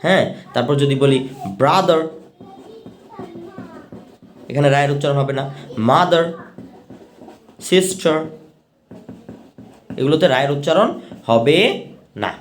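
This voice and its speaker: A man's voice: mid-range voice, fast. A man teaching an English pronunciation lesson, patiently repeating each rule step by step for his learners. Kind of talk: explanatory lesson.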